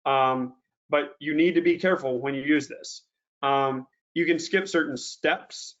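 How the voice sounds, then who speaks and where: A man presenting a software tutorial webinar, talking casually with many fillers and slowing down to stress warnings. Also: fairly high pitch. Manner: casual, lots of ums and restarts, slows down to stress warnings. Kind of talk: screen-share software tutorial. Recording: dull lo-fi webinar audio.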